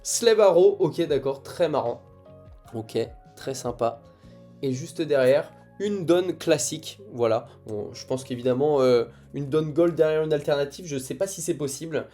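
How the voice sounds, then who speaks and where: A young man giving casual commentary as he opens trading card packs, reacting excitedly to each card as it comes. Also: on the high side, unhurried, soft background music. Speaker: card collector opening booster packs. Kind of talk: casual pack-opening commentary.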